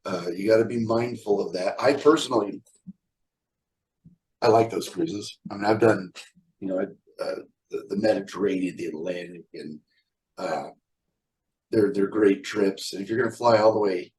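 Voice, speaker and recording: A man's voice: lowish voice, moderate pace, pauses often, a little mellow, recorded from a distance, poor audio. A middle-aged man, a square dance caller, chatting in an interview in a blunt, joking, opinionated way. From California. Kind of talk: casual interview chat.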